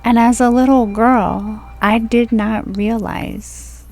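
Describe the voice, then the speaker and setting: A woman in her forties from Florida telling a personal story from home in a slow, rambling monologue that drifts onto tangents. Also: on the high side, fairly even intonation, a little mellow, faint music behind. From Florida, USA. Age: 40s. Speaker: spiritual video creator. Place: at home, indoors.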